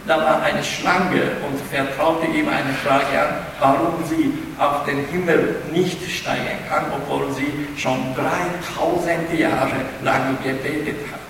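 A man's voice: fairly high pitch, creaky, background noise. A man giving a spoken lecture, hesitant and often restarting his words. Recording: echoey hall, mic far off.

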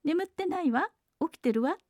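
A woman reading aloud puts on a pint-sized storybook girl, clever and stubborn, her voice lifted high and quick. She sounds bold and demanding, never scared, and the close dry sound of a storyteller's reading frames her. Mellow underneath even at the top of her voice. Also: no room sound, close to an everyday voice. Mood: wilful. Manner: bright, wilful, pleading. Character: tiny clever headstrong bean-born girl.

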